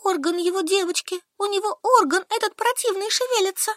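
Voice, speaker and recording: A woman's voice: very high-pitched, brisk, fairly bright tone, no echo, clean studio sound, voice pushed up. A woman voicing a squeamish, easily panicked young female teacher who squeals and pleads, in an audiobook. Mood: panicky. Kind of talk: audiobook character voice.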